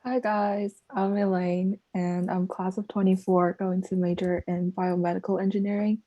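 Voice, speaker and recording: A young woman, an incoming college student, giving a relaxed introduction in an online meeting. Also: mid-range voice, normal speed, no echo, highs cut off. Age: young adult. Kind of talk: casual self-introduction.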